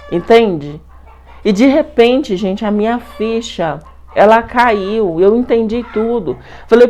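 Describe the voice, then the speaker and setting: A middle-aged Brazilian woman telling a personal story to her viewers in a lively, colloquial, repetitive way. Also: on the high side, muffled recording. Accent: Brazilian Portuguese. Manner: animated, repetitive, colloquial retelling. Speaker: spiritual channel host.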